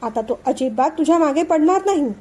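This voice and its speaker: A woman voicing an excitable young college girl in a storybook reading, chattering eagerly. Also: high voice, brisk. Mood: excited. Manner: excited, gossipy.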